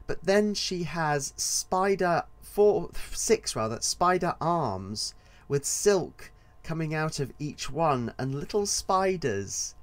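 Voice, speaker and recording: A man hosting his own podcast as an author, talking in a casual, rambling and digressive solo monologue. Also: on the high side.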